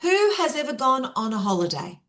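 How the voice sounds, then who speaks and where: Woman, middle-aged, fairly high voice, upbeat keynote presenter on a video call, talks right to the audience. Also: very animated, fairly quick, fairly bright tone. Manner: chatty, upbeat, addresses the audience directly. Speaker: keynote speaker. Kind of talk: interactive online workshop presentation.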